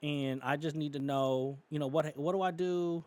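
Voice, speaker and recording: Slightly high-voiced and darkish in tone, a Californian podcast co-host speaks at normal speed with fairly even intonation, casual and opinionated, often using fillers and restarting sentences. There's no echo.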